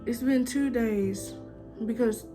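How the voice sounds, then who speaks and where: A woman's voice: fairly high pitch, takes it slowly, over music. A young woman chatting informally in a casual vlog, talking straight to her viewers as the host. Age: young adult. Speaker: vlogger. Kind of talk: casual vlog chat to camera.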